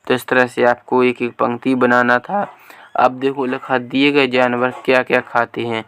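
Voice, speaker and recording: A male teacher walks through a workbook lesson at an even, unhurried pace. His voice is smooth and clear, held in a narrow, level pitch. He asks questions and repeats each answer patiently. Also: dry recording.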